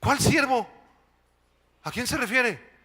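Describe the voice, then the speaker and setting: Animated Mexican pastor preaching. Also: male voice, very high voice, slow. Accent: Mexican Spanish. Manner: lively preaching, swinging from loud to hushed. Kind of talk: sermon.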